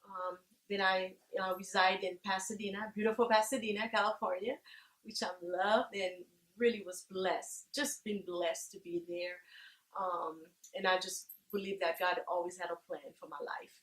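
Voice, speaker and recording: A woman from Haiti who founded a charity, answering interview questions earnestly, halting with many fillers. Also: medium pitch, steady tone, a bit bright. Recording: echoey room.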